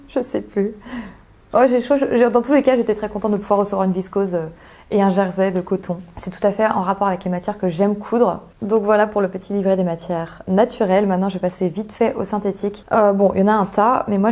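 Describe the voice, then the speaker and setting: Young woman rambling about sewing stuff, lots of ums, soft mellow tone. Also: mid-range voice, fairly even intonation, brisk. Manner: chatty, hesitant, thinking aloud while touching fabrics. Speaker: sewing vlogger. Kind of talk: casual chat.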